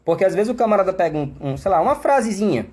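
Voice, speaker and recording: A man's voice: high voice, very animated, fast talker, darkish tone. A man teaching English in a live online class, speaking Portuguese with a Brazilian accent, chatty and explanatory, often checking in with his listeners. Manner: chatty, explanatory, many tag questions.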